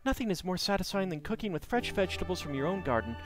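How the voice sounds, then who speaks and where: A man's voice: sits high, sing-song, fast, music in the background, voice pushed up. A man voicing friendly, helpful small-town villagers as he reads their letters in a video game. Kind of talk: reading game letters in light character voices.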